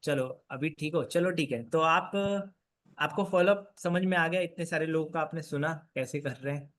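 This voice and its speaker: A man's voice: on the high side, normal speed, fairly bright tone. A man leading an online sales coaching session, prompting and encouraging his students. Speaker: sales trainer.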